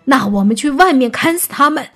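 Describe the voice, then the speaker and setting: A woman voicing an angry, hot-headed young man who shouts defiantly at his elder in a storybook reading. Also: high voice, lively intonation, fairly quick, faint music behind, pitched above the performer's own voice.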